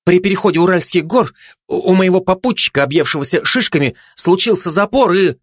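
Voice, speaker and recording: A man's voice: high voice, a little fast, dry recording, clean studio sound, voice pushed up. A man voicing a talkative male dog who wanders and travels, speaking mildly and rambling.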